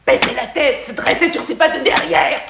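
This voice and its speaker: An actress playing an agitated woman in a heated quarrel, shrill and shouting. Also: normal speed, gravelly, highs cut off. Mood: frantic. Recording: echoey, noisy old film soundtrack.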